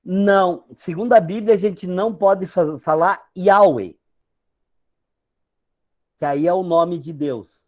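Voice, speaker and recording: A Brazilian pastor preaching in a loose, conversational way, tossing in jokes and asides. His voice sits a little higher than most men's. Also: takes it slowly, long pauses, muffled recording. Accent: Brazilian Portuguese. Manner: joking, conversational, animated asides. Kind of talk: informal sermon talk.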